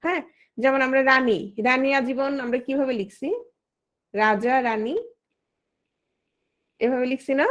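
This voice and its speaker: This online exam-prep teacher, a woman probably in her thirties, has a high, bright voice, a steady tone and a measured pace with frequent pauses. She explains the rules stepwise, answers her own questions, and calls on students by name.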